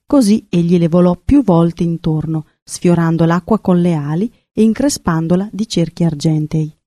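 A woman narrating a fairy tale in a calm, measured storybook reading. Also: on the low side, no echo, studio quality.

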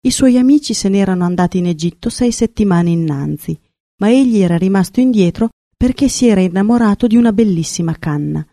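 A woman narrating a fairy tale in a calm, measured storybook reading. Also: mid-range voice, dry recording, studio quality.

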